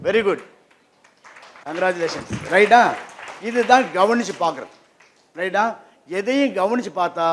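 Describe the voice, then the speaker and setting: A man giving an interactive lesson to children in a library hall, keeping them engaged with quick questions. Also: high-pitched. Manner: lively, keeps quizzing the audience with quick questions. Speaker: guest presenter at a children's program.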